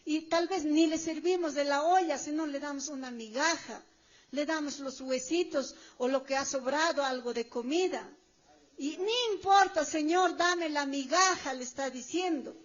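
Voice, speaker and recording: A woman's voice: high-pitched, moderate pace. A woman preacher giving an emphatic sermon to a congregation, stretching out her exclamations. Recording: dull lo-fi recording.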